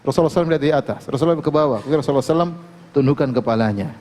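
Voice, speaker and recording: A man giving a relaxed, joking religious lecture, often asking his listeners questions. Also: medium pitch, rapid-fire, big-room sound. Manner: casual, joking, asks the audience questions. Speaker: Islamic preacher.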